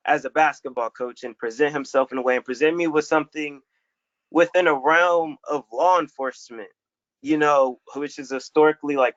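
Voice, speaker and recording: A man's voice: mid-range voice, a bit bright, no room sound. A young man from Florida telling a personal story on a community panel in a reflective, casual way with some slang. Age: young adult. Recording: dull lo-fi dry recording.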